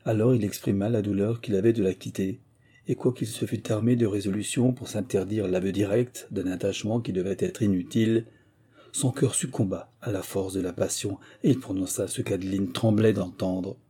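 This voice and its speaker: A man narrating a classic novel in a measured, even literary reading. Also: lowish voice, husky. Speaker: audiobook narrator.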